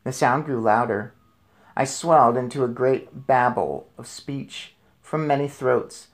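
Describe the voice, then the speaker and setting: A man with an unhurried, mid-range voice reads a storybook to children and chats about it casually. His manner is enthusiastic and talkative, and he poses questions to the young listeners.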